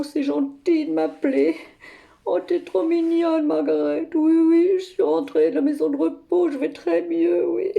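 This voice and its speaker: A woman's voice: very high-pitched, creaky, dark tone, heavily acted. A woman playing an exasperated older grandmother in a one-sided phone call sketch, ranting dramatically and tagging nearly every phrase with "hein". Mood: chatty. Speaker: comic monologue performer.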